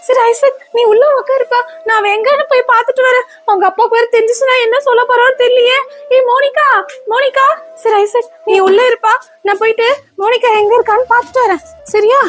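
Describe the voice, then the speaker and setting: A woman acting as a stern, fussy stepmother in a comedy sketch, with a very high, piercing voice that scolds and then shrieks in worry. Light music plays faintly behind her. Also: fairly bright tone. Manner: scolding, then frantic calling out. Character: bossy stepmother, adult woman, stern and fretful.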